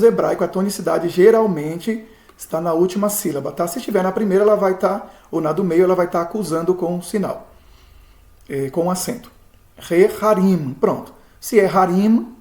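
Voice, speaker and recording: A man, a pastor teaching Biblical Hebrew in a recorded lesson, patient, repeating words slowly and checking in often with his students. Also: sits high, a little mellow. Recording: echoey room.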